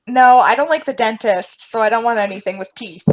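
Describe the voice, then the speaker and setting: Excitable woman guest. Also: on the high side, a little fast, low-quality recording. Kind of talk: casual chat.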